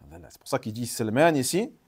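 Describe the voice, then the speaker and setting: This male Islamic teacher speaks at a medium pitch, brisk and sing-song with a slightly rough edge. His religious lesson comments on a hadith, stressing key phrases through repetition and mixing in brief Arabic expressions.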